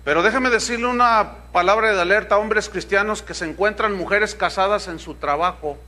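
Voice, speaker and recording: A man's voice: high voice, a little fast, pushed and bright. A man, preaching a sermon in a conversational, humorous way and asking the crowd rhetorical questions. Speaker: pastor.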